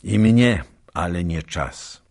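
A man's voice: deep voice, expressive, slow, vocal fry, heavily acted. Man voicing a small, terse mustached knight. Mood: curt. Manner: curt, then shouting alarm.

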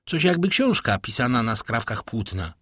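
A man voicing a humble, eager, talkative old prison doorkeeper with a servile, deferential manner and a husky voice. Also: medium pitch, big pitch swings, normal speed, fairly bright tone, dry recording, studio quality.

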